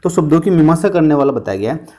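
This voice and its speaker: Brief: male exam coach with a lilt, mellow tone, answers his own questions with mnemonics. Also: on the high side, lively intonation, quick pace. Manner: explains with questions and answers to himself; uses memory tricks and jokes. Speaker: teacher. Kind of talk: exam-prep history lesson.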